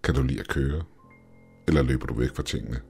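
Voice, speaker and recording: A man voicing a quiet, unreadable man with a cane who seems to know everything, speaking evenly. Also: rumbling low, gravelly, faint music behind. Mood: calm, knowing. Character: calm, all-knowing man with a cane.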